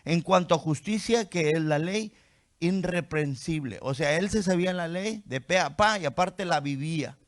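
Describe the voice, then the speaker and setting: Spanish-speaking pastor preaching with rising intensity. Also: male voice, fairly high pitch, normal speed. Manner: reads scripture aloud, then explains with rhetorical questions; adds "¿sí?" checks to the congregation. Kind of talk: sermon.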